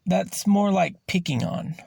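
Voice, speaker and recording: A podcast host delivers a candid personal monologue, telling his story in a raw, emphatic way, swearing freely and slowing down to stretch words for emphasis. His voice sits high, creaky and a little mellow, with a breathy edge.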